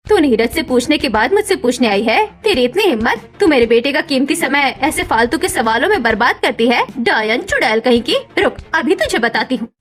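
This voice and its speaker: A woman voicing a cruel, high-voiced mother-in-law. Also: animated, a little fast, few pauses. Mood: harsh scolding. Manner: harsh, taunting, threatening. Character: cruel scolding old village mother-in-law. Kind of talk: cartoon story voice acting.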